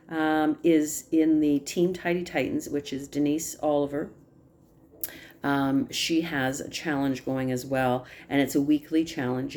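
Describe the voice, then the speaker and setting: A woman with a low, mellow voice talks her sales team through a casual update over a video call. She rambles a little, full of ums and restarts. A faint hum of the room sits behind her. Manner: chatty, many ums and restarts, apologizes for talking fast. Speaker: team leader of direct sales consultants.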